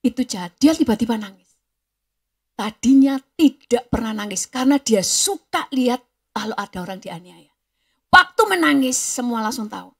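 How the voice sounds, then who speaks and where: Woman preaching with loud emphasis. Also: fairly high pitch, normal speed, slightly rough. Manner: animated preaching, swinging between loud emphasis and hushed asides. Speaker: pastor. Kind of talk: sermon.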